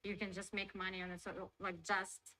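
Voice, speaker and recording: A woman's voice: medium pitch, little pitch movement, moderate pace, pushed and bright, rough recording. A woman from Russia speaking English with a Russian accent as an interview guest. She chats loosely, filling her sentences with "like" and "you know". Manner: chatty, loose phrasing full of "like" and "you know". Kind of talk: casual interview.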